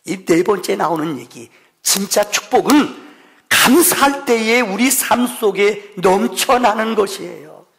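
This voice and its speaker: A middle-aged man preaches a Thanksgiving sermon with a high, gravelly voice. He tells stories animatedly, jumping from loud bursts to near whispers and acting out quoted voices. The sound rings with the long reverb of a church hall. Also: measured pace. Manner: lively storytelling with sudden loud and soft swings; acts out quoted voices of his son. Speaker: pastor. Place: church sanctuary.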